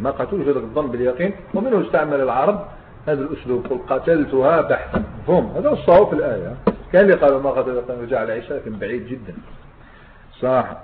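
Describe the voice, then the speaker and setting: A man's voice: medium pitch, a little hiss or hum. A man with an Algerian Arabic accent, an Islamic scholar giving a classroom grammar lesson who explains step by step and keeps checking that his students follow. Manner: explains step by step, often asks students "understood?". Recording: echoey room on a tinny, phone-like line.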